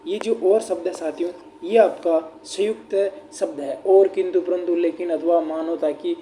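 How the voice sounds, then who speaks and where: Male teacher, dark voice. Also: high voice, a little hiss or hum. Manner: repeats rhetorical questions to students; slows down to dictate examples. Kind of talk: exam paper answer walkthrough.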